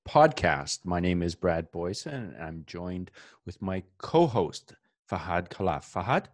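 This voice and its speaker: A man's voice: low-pitched, sing-song, measured pace, no echo, studio quality. A man hosting a casual podcast, introducing things in a loose, friendly way with lots of fillers. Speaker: podcast host.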